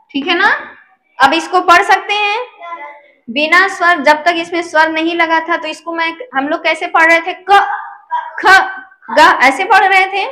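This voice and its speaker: High, slow-speaking woman teaching. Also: pushed and bright. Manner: patient, checks understanding often. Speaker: Sanskrit teacher. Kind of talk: slow classroom lesson. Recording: echoey room.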